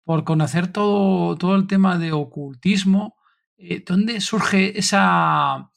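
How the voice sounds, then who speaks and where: Slow and high-pitched with a touch of vocal fry, the voice belongs to a podcast host whose accent comes from Spain. He chats and makes announcements casually, in an informal and enthusiastic tone.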